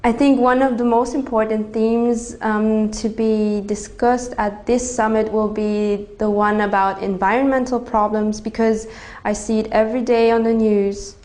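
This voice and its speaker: A nineteen-year-old woman, a youth delegate, answering interview questions thoughtfully and listing her points slowly. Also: on the high side, little pitch movement, a little mellow. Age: teens.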